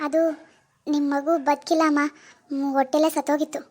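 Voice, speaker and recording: A woman voicing a gentle village doctor who speaks calmly and apologetically. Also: sits high, pitched below the performer's own voice, natural voice. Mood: apologetic. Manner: calm, apologetic, measured.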